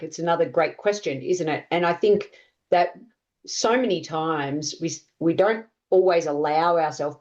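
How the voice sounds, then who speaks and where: Low, mellow-voiced woman host, slightly muffled. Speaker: podcast host, coach. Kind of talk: interview questions.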